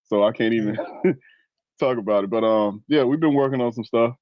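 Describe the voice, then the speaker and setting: A man with a mid-range voice speaks hesitantly over a video call, often apologizing and pausing on fillers. The sound is dry. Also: mid-range voice, dry recording, highs cut off. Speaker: guest host. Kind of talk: casual chat on a video call.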